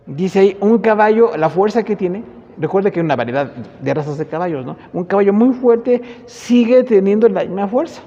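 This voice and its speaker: A man with a Mexican Spanish accent teaches a Bible class in a high, mellow voice. He talks conversationally, often tagging sentences with rhetorical questions. The muffled, lo-fi recording carries a long church-hall echo.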